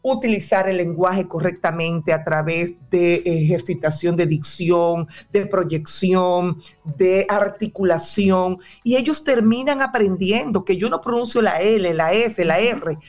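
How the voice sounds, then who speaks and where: A woman's voice: lowish voice, measured pace, a little mellow. A woman theater director and drama teacher answering interview questions in a passionate, explanatory way.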